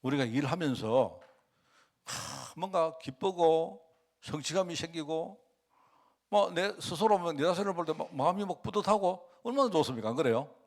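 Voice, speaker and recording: A pastor delivers a sermon at a moderate pace in a gravelly voice, speaking conversationally and frequently questioning his congregation, his pitch and volume swinging lively.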